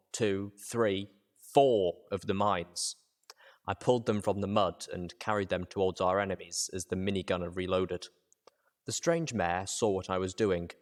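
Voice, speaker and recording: This is a man with a deep voice narrating first-person fiction. He works from a script like an audiobook reader and gives the story a dramatic, tale-telling delivery.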